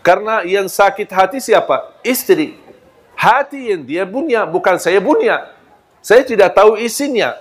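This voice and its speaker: A man's voice: high voice, measured pace. Arabic-accented man preaching with humor. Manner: lively storyteller who acts out quoted voices and jokes with listeners. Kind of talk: humorous sermon.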